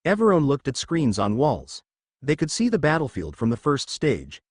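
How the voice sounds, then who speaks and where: Man reading a story, lively pitch. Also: normal speed. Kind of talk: reading fan fiction aloud.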